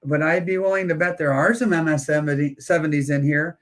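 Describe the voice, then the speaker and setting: Guy running a home coin auction stream, chatty, jokey, voice a bit on the high side. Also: fairly even intonation, fairly quick, a bit bright. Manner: chatty, joking, calls bids with once-twice counts. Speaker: live auction host. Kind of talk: casual live-stream auction chat.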